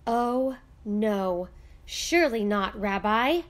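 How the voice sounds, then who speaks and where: A woman's voice: mid-range voice, animated, slow pace. A woman voicing a poor, fearful man in a storybook read-aloud, pleading and shrieking in panic. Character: poor fearful middle-aged man, desperate.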